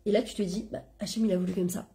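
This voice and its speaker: A middle-aged woman giving an informal religious lesson, talking in a lively, conversational way and dropping Hebrew terms into her French. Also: mid-range voice, racing. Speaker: Torah class teacher and coach.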